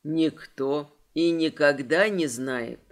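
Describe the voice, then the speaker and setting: Karkhidon, a woman doing a deep grave dragon. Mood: solemn. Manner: grave, slow and measured. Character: ancient solemn male dragon.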